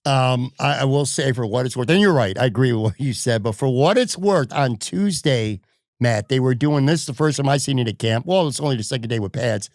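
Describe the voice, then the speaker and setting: A man's voice: mid-range voice, animated, fairly quick, no echo, clean studio sound. A man hosting a sports podcast, talking bluntly and heatedly in casual chat, swearing freely. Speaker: podcast host.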